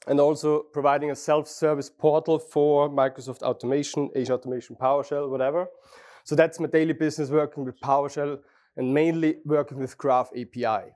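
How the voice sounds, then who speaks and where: A man's voice: on the high side, steady tone, brisk, darkish tone. Austrian man giving a conference tech talk. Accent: Austrian German. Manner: friendly, chatty, restarts phrases, asks audience questions. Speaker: conference speaker. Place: large conference hall.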